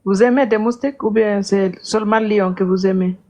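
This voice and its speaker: A woman playing the president's daughter calling in, hesitant, pleading, mid-pitched. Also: steady tone, brisk, mellow, muffled recording, lightly acted. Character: young woman caller claiming to be the president's daughter. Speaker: caller.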